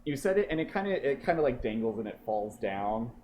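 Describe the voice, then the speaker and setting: A man's voice: mid-range voice, very animated, quick pace, noisy background. A man narrating as game master in a loose, chatty way with many fillers.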